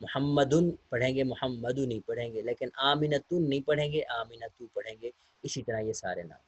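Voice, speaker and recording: A man's voice: mid-range voice, moderate pace, breathy edge, no echo. A male teacher giving a recorded Arabic lesson. He reads short Arabic sentences aloud, then translates and explains each one step by step, patiently addressing his students. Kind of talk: recorded online lecture.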